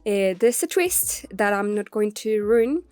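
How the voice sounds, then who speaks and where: A woman with a husky voice from a cold, chatting casually as she reviews a comic, with many pauses. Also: medium pitch, expressive, a little mellow, dry recording, faint music behind. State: sick with a cold. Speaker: webcomic reviewer. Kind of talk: casual chat.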